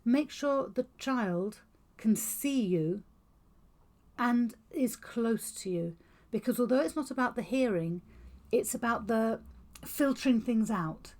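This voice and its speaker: A woman explaining to camera in an informal lesson, talking fast with clear, exaggerated mouth movements. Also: a little high, expressive, darkish tone. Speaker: educator on auditory processing. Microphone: talking to camera on video.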